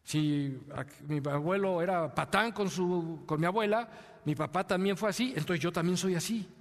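Mexican male pastor, fairly high voice, sermon in a long-echo church hall, rhetorical questions, sudden quiet asides. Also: normal speed. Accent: Mexican Spanish. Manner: preaching with rhetorical questions and sudden drops to a soft, low voice.

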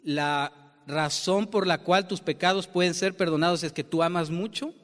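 Man, preacher, sermon, asks the congregation questions, somewhat high voice, long hall reverb. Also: moderate pace, fairly bright tone. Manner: asks the congregation questions, explains with everyday examples.

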